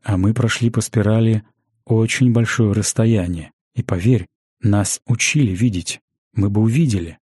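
A man's voice: fairly low pitch, moderate pace, a little mellow, breathy edge, no echo, studio quality. A man reading an earnest young male apprentice who speaks apologetically to his teacher. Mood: apologetic.

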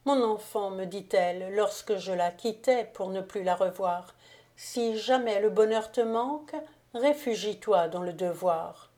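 A woman reading a wronged young countess, speaking firmly and assuredly, slow and mellow. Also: mid-range voice, close to an everyday voice. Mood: reproachful. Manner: firm, assured. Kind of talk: audiobook character reading.

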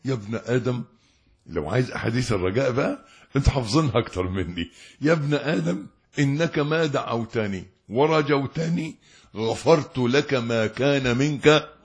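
An Egyptian man preaching a religious lesson, his voice husky and slightly rough. His pitch swings widely as he talks. He speaks straight to the listener with fervor, moving between soft recitation and loud exhortation. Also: expressive, a little fast. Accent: Egyptian Arabic. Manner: impassioned, addresses the listener directly.

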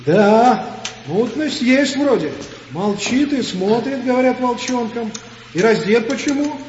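A man's voice: very high voice, expressive, measured pace, a little mellow. A man playing a wary soldier in a war drama, speaking in a hesitant drawl. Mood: wary, doubtful. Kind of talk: stage war drama dialogue. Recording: dull echoey hall, faint ambient noise.

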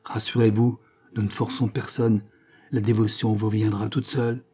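A man's voice: on the low side, flat delivery, normal speed, mellow, breathy edge. A man voicing a kindly, patient older priest in a read-aloud novel. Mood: reassuring.

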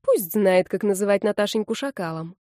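Female audiobook narrator, lively first-person storytelling, mid pitch, very dry close sound. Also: brisk, no room sound.

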